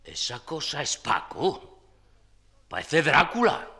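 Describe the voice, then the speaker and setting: Bright, forceful Spanish gang boss. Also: male voice, on the high side, big pitch swings, slow pace, vocal fry, heavily acted. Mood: exasperated. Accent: Spain. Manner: commanding, irritable, theatrical. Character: bossy, exasperated small-time gang boss.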